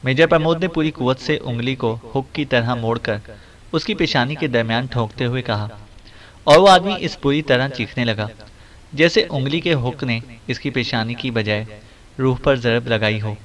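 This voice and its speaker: A man reading a spy novel aloud as an audiobook narrator, in a steady, dramatic storytelling manner. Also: mid-range voice, moderate pace.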